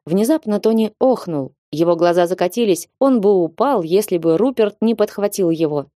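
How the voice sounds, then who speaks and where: A woman reading an audiobook aloud in a measured, expressive way. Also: medium pitch, dry recording, studio quality. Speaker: narrator. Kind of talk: audiobook narration.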